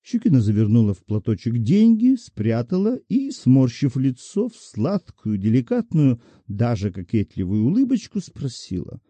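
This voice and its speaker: A man narrating a literary story aloud in an expressive, animated way. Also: mid-range voice, normal speed, hardly any pauses, no room sound. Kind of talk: literary audiobook reading.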